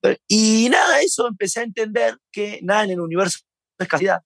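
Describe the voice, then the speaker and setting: A man with a Uruguayan Spanish accent telling stories in a casual interview, animated and laughing often. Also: high voice, fast talker, vocal fry, dry recording. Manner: animated storyteller, laughs often, acts out shouts. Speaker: interview guest.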